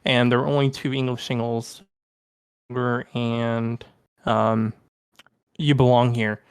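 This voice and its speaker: In a clean, dry studio recording, a young man co-hosts a casual music review podcast, full of ums and restarts yet enthusiastic. His medium-pitched voice has a clean tone and flat delivery, and he takes things slowly.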